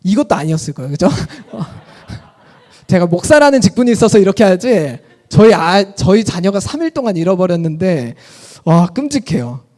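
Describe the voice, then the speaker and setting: A male pastor preaching in a lively storytelling way, often asking the congregation questions. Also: high-pitched, normal speed. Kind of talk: sermon.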